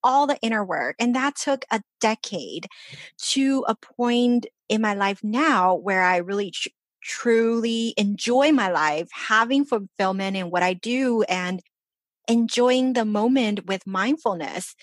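A woman's voice: mid-range voice, measured pace, no echo. A woman who grew up in Los Angeles, a life coach talking in a casual interview with upbeat, earnest motivation. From born in China, grew up in Los Angeles. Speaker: life coach, podcast guest.

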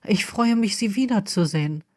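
A woman's voice: mid-range voice, lively intonation, moderate pace, dry recording, lightly acted. A cautious, earnest young wizard, read by a woman. He speaks carefully and honestly, close to the reader's own voice. He appears as a figure in a read-aloud story.

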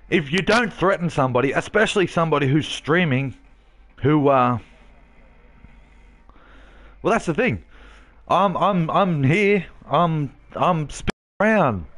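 A man's voice: a little high, a bit bright. A man live-streaming a game, brash and trash-talking, swearing and mocking a heckler.

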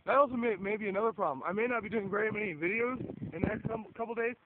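High-voiced and talking very fast, a tired young adult vlogger rambles his way through a casual vlog while his voice gives out. He's outdoors on a windy suburban road, phone at arm's length, using an earphone mic, dropping fillers and casual swear words. The audio is tinny like a phone, with wind noise.

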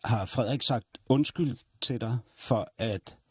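Man, therapist-host, husky, dry close sound, persistent questioner. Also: medium pitch, a little mellow, dry recording. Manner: persistent, presses with follow-up questions. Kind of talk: probing conversational questioning.

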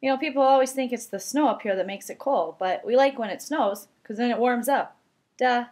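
A middle-aged woman with a Minnesota accent playing a chatty, opinionated Minnesotan in a casual comedy sketch, folksy and deadpan. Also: fairly high pitch, a little fast, close to an everyday voice. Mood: matter-of-fact. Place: rooms at home, indoors.

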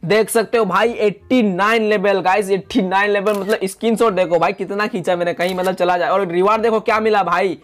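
A young man talks over his gameplay footage in a high, animated voice, chatty and quick to complain with mock drama. He sounds close to a desktop mic at home. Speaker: gaming YouTuber.

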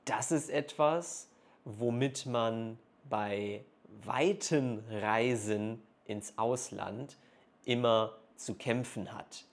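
Male vlogger, 30s, teacher's delivery, extremely slow and deliberate, close lapel mic. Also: medium pitch, vocal fry. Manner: very slow, carefully articulated phrases with pauses. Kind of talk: slow, clear speech for learners. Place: small room indoors. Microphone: clip-on lapel mic.

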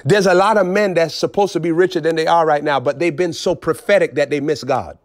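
A man preaching with emphatic swings between low intensity and raised outbursts. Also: fairly even intonation, brisk, no room sound. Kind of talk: preaching on a phone broadcast.

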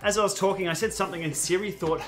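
An Australian man streams his indoor ride live, out of breath and talking in short, puffed phrases. He breaks into excited whoops now and then. Faint music plays in the background. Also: high voice, very fast. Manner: breathless, excitable bursts and shouts of encouragement. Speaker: cycling channel host.

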